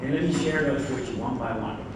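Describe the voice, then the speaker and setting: This is a keynote in a large conference hall by a Dutch-accented man from the Netherlands with a mid-range voice and a fairly quick delivery. Conversational in tone, he addresses listeners directly with questions. The audio carries heavy reverb, a distant mic, and background noise.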